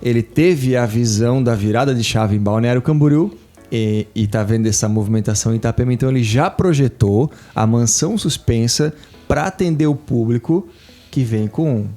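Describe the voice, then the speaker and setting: A man's voice: medium pitch, moderate pace, warm tone, faint music behind. A man hosting a podcast in a casual, jokey way who praises his guest. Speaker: host.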